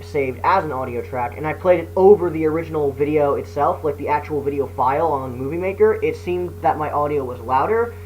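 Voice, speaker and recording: A man's voice: on the high side, a little fast, few pauses, darkish tone. Man in casual vlog, noisy humming mic. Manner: hesitant, sweary, self-deprecating. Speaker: video creator. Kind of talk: casual apologetic explanation to viewers. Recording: noisy hum, poor microphone.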